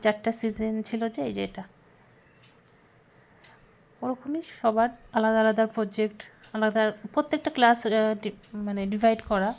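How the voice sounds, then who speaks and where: A young woman chatting casually in a home vlog, sometimes speaking softly. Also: fairly high pitch, normal speed, long pauses. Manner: chatty, talks softly at times. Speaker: vlogger.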